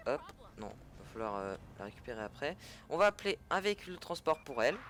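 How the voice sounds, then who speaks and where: A man's voice: mid-range voice, big pitch swings, fast talker, fairly bright tone, a little hiss or hum. A man giving a casual, chatty gameplay tutorial in French, often correcting himself as he goes. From French-speaking. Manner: chatty, self-correcting, fillers. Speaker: gaming tutorial creator.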